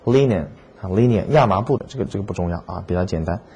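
A man's voice: sits low, fast, mellow, slightly rough. A man teaching exam vocabulary in a lecture. He speaks emphatically, repeats key words and asks rhetorical questions.

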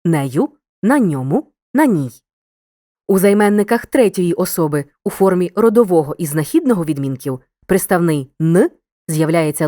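A woman narrating a scripted grammar lesson in a clear, measured, instructive way. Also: on the low side, warm tone, no room sound, studio quality.

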